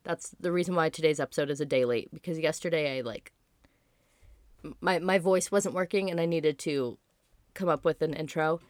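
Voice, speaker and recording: Hoarse sick girl in her 20s rambling on her podcast, lowish voice, dry close sound. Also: normal speed, darkish tone, dry recording. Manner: chatty and rambling, many "like" fillers. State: hoarse from illness. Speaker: podcast host. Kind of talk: casual solo podcast chat.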